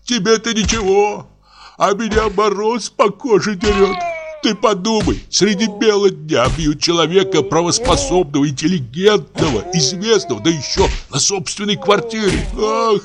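A man's voice: sits high, moderate pace, music in the background, voice pushed up, lightly acted. A man voicing a timid, fretful older male landlord in a tearful, whining voice.

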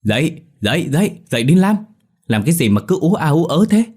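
A man voicing a sharp-tongued village mother who nags her daughter in a shrill, scolding tirade. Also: very animated, brisk, breathy edge.

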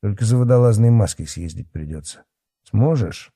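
A stern officer who takes charge, as a man reads him. Slightly raised, clipped and authoritative, with a husky, darkly mellow tone. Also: fairly low pitch, animated, moderate pace, no room sound, clean studio sound, voice pushed up. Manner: stern, curt, commanding. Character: stern middle-aged police chief, calm authority.

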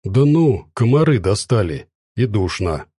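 A man's voice: fairly low pitch, big pitch swings, measured pace, warm tone, breathy edge, no room sound, clean studio sound, full character voice. A man voicing a sulky, grumbling teenage boy in an audiobook.

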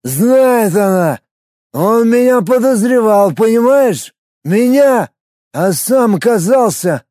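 A man voicing a drunk, bitter policeman who talks slowly and with a slur. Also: high voice, mellow, no echo, clean studio sound. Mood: shouting. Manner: slurred, slow, surly. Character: drunk bitter male cop, gruff and sullen.

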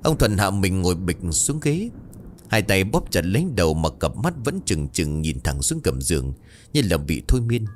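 Low-voiced man narrating a horror tale. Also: sing-song, normal speed, darkish tone, a little hiss or hum.

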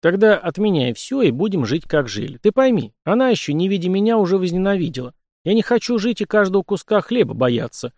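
A man's voice: high-pitched, very animated, a little fast, hardly any pauses, a little mellow, no room sound, pitched above the performer's own voice. A man voicing a dry, ironic young nobleman hero in a storybook reading.

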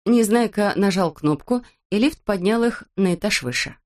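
A woman narrating a children's storybook in an even storytelling manner. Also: mid-range voice, normal speed. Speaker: audiobook narrator.

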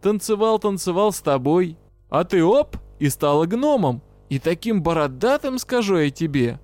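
A brash male dark elf with a gruff, no-nonsense way of talking, as a male narrator puts him on. He sits a little higher than the usual male voice and sounds close and dry, with faint music underneath. An audiobook character who teases and scolds in the same breath. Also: animated, normal speed, no room sound. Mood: teasing. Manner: gruff, teasing, bluntly scolding.

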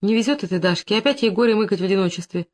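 A reader voicing Lena, a sharp-tongued but caring village wife who talks briskly. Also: female voice, mid-range voice, animated, lightly acted. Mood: sorry. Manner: brisk, dismissive, sympathetic.

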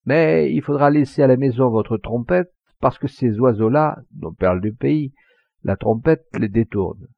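A man voicing Morin, a gravelly boastful hunter. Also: medium pitch, unhurried, no echo. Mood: mocking. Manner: commanding, showy teller of tall tales. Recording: dull lo-fi recording.

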